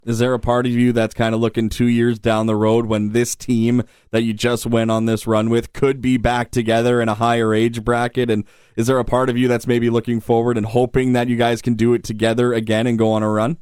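A man's voice: medium pitch, level tone, brisk, darkish tone, clear, resonant tone, no echo, studio quality. A man hosting a radio interview, asking long, wordy questions with some fillers. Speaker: interviewer host.

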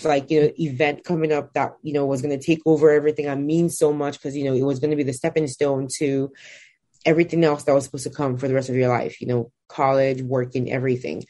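Woman guest, twenties, from Nigeria, low warm voice, reflective storytelling, soft music underneath. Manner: reflective, many fillers. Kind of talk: personal storytelling interview.

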